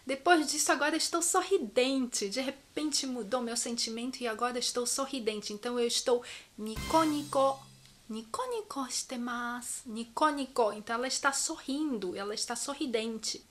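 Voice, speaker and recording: A Brazilian woman giving a casual language lesson, acting out each sound word with playful, expressive repetition. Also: on the high side, moderate pace. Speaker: Japanese language teacher and vlogger. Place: her home in Japan.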